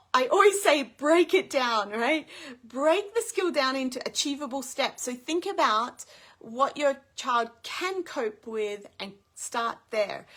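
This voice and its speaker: A woman's voice: high-pitched, a bit bright. A woman parent coach teaching in a live video, upbeat and explaining step by step.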